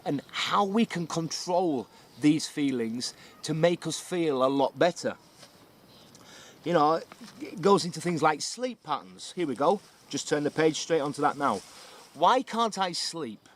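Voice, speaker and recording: A man talking casually to camera outdoors, explaining things in a conversational way and often checking in with the listener. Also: a little high. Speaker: survival instructor and vlogger. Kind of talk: casual book review to camera. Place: outdoors beside a stream.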